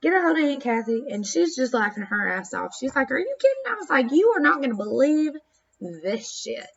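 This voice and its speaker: High-pitched woman, casual swearing vlogger, muffled home-camera sound. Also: sing-song, normal speed, gravelly, a crowd in the background. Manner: profane, rambling, self-conscious on camera. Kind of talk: casual storytelling vlog.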